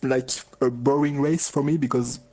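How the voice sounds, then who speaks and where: Flat-toned man. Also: mid-range voice. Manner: halting, searches for words, chuckles often. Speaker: racing driver being interviewed. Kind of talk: casual post-race interview.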